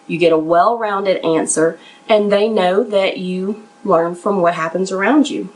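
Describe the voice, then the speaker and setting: A woman speaks a little slowly in a mid-range, slightly mellow voice on a low-quality recording. She is a resume writer and interview coach hosting a podcast, giving direct, conversational advice in an encouraging, somewhat nervous way.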